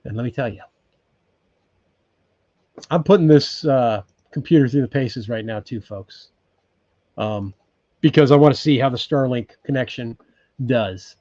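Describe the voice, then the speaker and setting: A man's voice: mid-range voice, a little slow, long pauses, dry recording. Man in his sixties, from California, easygoing livestream chat, rambling with fillers, muffled lo-fi audio. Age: 60s. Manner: rambling, relaxed, many ums and restarts. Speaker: livestream host. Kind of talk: casual live chat reading viewer comments. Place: off-grid cabin in Alaska.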